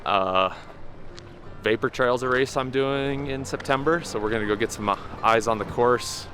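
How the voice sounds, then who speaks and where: Against a noisy background, a man at medium pitch and normal speed talks through how his bike race went. He races mountain bikes professionally and hosts a vlog, and here he's outdoors, somewhat out of breath, laid-back and self-deprecating, with plenty of fillers.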